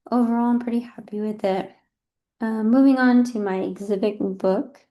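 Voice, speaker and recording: Woman, heavily pregnant and winded, soft-edged mellow tone, medium pitch, informal student presentation, conversational. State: out of breath from late pregnancy. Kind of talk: informal design project presentation.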